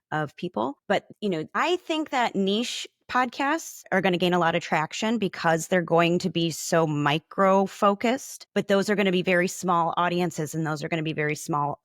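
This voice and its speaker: A woman who works as an advertising account manager appears as a podcast guest, explaining her industry conversationally. Her voice sits low, and the studio-quality recording has no echo.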